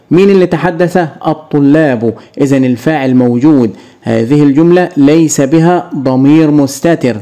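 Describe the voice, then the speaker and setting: A man's voice: on the high side, mellow. A man with an Egyptian accent teaching a grade-school grammar lesson, explaining step by step and asking and answering his own questions.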